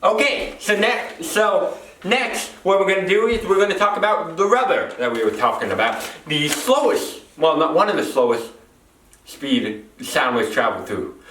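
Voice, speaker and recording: A man's voice: a little high, animated, normal speed, fairly bright tone. A man giving an improvised explainer in a warehouse, rambling, repeating phrases and correcting himself as he goes. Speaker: presenter. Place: large echoing warehouse. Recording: echoey warehouse, distant mic, faint noise.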